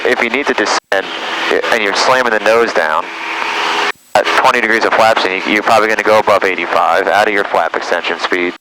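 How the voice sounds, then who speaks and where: Casting: man, low voice, pilot-instructor coaching casually on headset intercom, clear cockpit drone behind. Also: fairly even intonation, fairly quick, sharp tone, slight background noise, rough recording. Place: small aircraft cockpit in flight. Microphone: aviation headset intercom.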